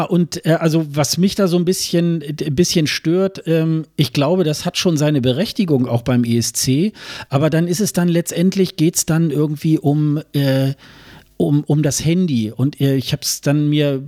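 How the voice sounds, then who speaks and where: A man's voice: fairly high pitch, moderate pace, mellow, no room sound, studio quality. Hesitant man co-hosting a podcast. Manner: hesitant, many fillers and restarts. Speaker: podcast co-host. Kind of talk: casual chat.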